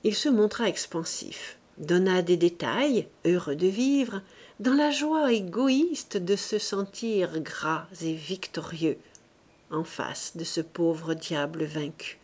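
A woman reading a classic novel aloud as an audiobook narrator, with a measured, expressive delivery. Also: fairly low pitch, breathy edge. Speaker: audiobook reader.

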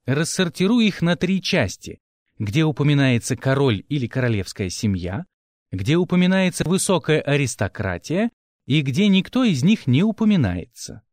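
Man as a clipped commanding editor, lively delivery, dry close mic. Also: a little high, moderate pace, no echo. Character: curt demanding male newspaper boss. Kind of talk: audiobook character voice.

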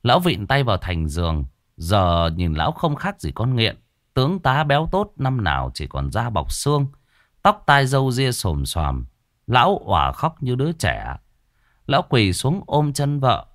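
A man narrating a village ghost story in a slow, dramatic, folksy way. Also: mid-range voice, huge pitch swings, no echo, clean studio sound. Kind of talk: spoken horror story narration.

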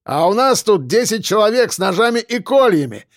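A defiant older ex-convict, as a male narrator puts him on, taunting his old gang in a ringing voice. It rides high and turns gravelly at the edges. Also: sing-song, brisk. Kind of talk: audiobook character voice.

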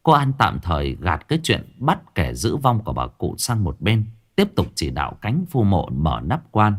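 A man narrating a ghost story in a dramatic, vividly expressive style. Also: deep voice, normal speed, husky.

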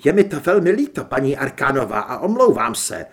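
A male narrator voicing an agitated young reporter who speaks forcefully and indignantly. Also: medium pitch, very animated.

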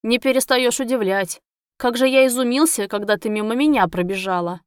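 A woman's voice: a little high, fairly quick, clear, resonant tone, no echo, clean studio sound, natural voice. A woman voicing a young male half-elf vampire hunter who is teasing yet affectionate, in her own voice.

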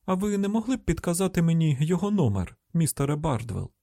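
A man's voice: big pitch swings, fast talker, dark tone, no echo. Brief: male narrator voicing a young woman trainee, sweet and deferential, dry close sound. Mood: polite. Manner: raised pitch, sweet deferential phone voice. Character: young woman FBI trainee, polite, quick-witted.

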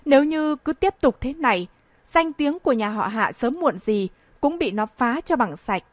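A woman's voice: sits high, expressive, normal speed, no echo. A woman reading an audiobook voices a stern, disappointed old grandfather who scolds and sighs. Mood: weary. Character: stern old grandfather, head of a rich family.

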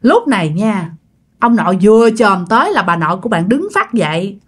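A woman's voice: medium pitch, moderate pace, husky. A woman with a Southern Vietnamese accent telling a ghost story casually, acting out quoted voices. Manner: animated, acts out quoted voices.

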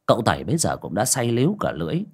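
A man narrating a ghost story in a lively, colloquial storytelling manner. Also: fairly low pitch, rapid-fire, slightly rough.

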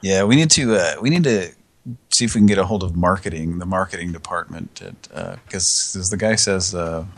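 A man's voice: low voice, fairly quick, no room sound. A man hosting a comedy show, rambling with lots of restarts and laughs. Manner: rambling, stumbling, laughing often. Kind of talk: loose comedic banter.

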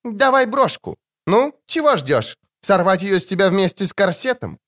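Man doing a teenage outlaw girl, hissing, contemptuous, higher pitch, lively. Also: brisk, natural voice. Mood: menacing. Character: fierce teenage girl outlaw, cold and threatening.

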